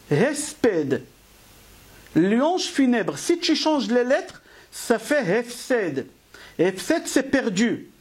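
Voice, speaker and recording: A man teaching a live religious lesson to an online class, emphatic and driving, asking rhetorical questions and answering them himself. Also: extremely high pitch. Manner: emphatic, asks and answers his own questions. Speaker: Torah teacher.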